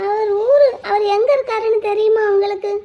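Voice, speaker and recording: A woman's voice: very high voice, fairly even intonation, a little fast, dull audio. A woman voicing a naive, tearful young bride-to-be in a cartoon, with a whiny, pleading way of talking.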